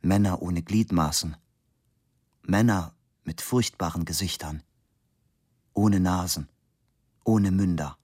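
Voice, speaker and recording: A man reads a novel aloud in measured, steady narration. His voice is on the low side, recorded completely dry and close to the microphone. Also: dry recording. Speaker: audiobook reader. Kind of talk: scripted literary narration.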